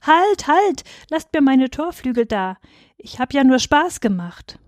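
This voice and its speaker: A woman voicing a frightened old farmer who pleads in a high, panicked voice. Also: very animated, measured pace, no echo, studio quality. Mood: panicked pleading.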